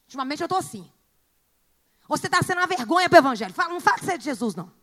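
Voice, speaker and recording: A high-voiced woman pastor delivers a fervent church sermon. She moves between hushed, searching questions and loud, driving exhortation. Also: big pitch swings, rapid-fire. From Brazil. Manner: preaching with rising fervor, rhetorical questions, bursts of shouting.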